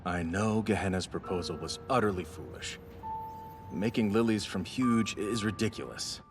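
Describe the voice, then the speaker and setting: A middle-aged man playing a weary father who heads a weapons firm, calmly defending himself in an anime dub. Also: low voice, moderate pace, over music. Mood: defensive. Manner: calm, defensive, explaining himself. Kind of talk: anime English dub acting.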